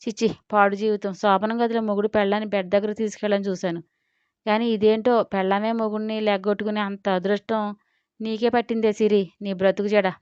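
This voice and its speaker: A woman voicing a feisty young bride who talks back sharply, with smooth, slightly dull dry audio. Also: mid-range voice, flat delivery, brisk, no echo, lightly acted. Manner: sharp, cheeky, sulky.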